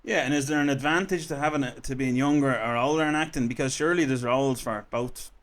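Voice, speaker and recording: Curious Irish podcast host. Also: male voice, medium pitch, quick pace, a bit bright. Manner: curious, chatty questioner. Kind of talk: casual interview chat.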